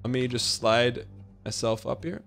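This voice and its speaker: A man's voice: medium pitch, unhurried, creaky, fairly bright tone. A man doing casual live game commentary as a streamer, with slangy, chatty asides. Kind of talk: casual live game commentary, reading chat and on-screen text. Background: game music.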